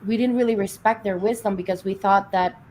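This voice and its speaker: A woman's voice: medium pitch, fairly even intonation, a little mellow, a little hiss or hum, low-quality recording. A woman from Venezuela in a casual group chat, speaking reflectively with frequent restarts. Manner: halting, restarts often, reflective. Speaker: chat participant.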